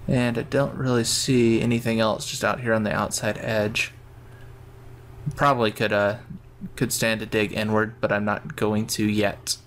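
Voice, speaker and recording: A man with a fairly low voice talks through his video game as he plays. He rambles casually, thinking aloud from one step to the next. There is some faint noise behind him. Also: little pitch movement, normal speed, fairly bright tone. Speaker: gamer narrating his own play. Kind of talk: casual gameplay commentary.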